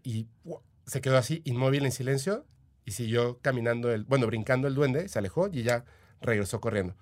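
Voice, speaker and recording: Chatty Mexican man telling stories. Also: mid-range voice. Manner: chatty, eager, full of "o sea" and "este" fillers. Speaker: podcast guest, paranormal podcaster. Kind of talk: casual storytelling.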